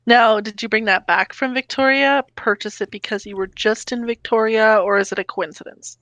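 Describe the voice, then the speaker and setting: A woman's voice: on the high side, fairly even intonation, moderate pace, fairly bright tone, dry recording. A woman co-hosting a podcast, playful and laughing often in casual chat. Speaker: podcast co-host.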